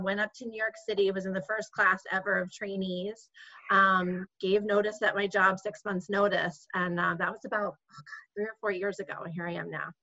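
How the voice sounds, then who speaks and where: A woman's voice: medium pitch, sharp tone. A woman in her forties, a guest on an interview podcast, talking casually and laughing often. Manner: chatty, laughs often, uses "like" a lot. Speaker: guest, organizing consultant. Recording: dull lo-fi sound.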